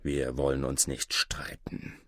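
A scheming storybook sorcerer, played by a man who speaks in a very deep, hushed and slow voice. His words creep along, sometimes threatening and sometimes sweetly persuasive, in a dry, close recording. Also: steady tone, husky, dry recording, heavily acted. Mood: coaxing. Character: scheming male sorcerer, menacing and coaxing.

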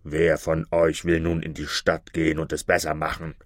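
A cruel bandit chief gives orders slowly in a low, harsh voice. A man voices him in a fairy-tale reading. The sound is close and dry. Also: monotone, dry recording. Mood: menacing. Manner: harsh and commanding.

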